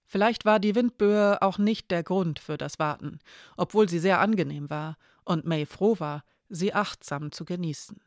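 A narrator reading an audiobook in a calm, even manner. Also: medium pitch, normal speed, no room sound, studio quality.

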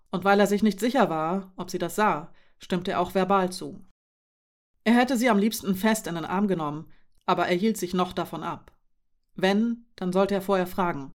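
A woman narrating a novel in a steady, measured reading voice. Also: on the low side. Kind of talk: audiobook narration.

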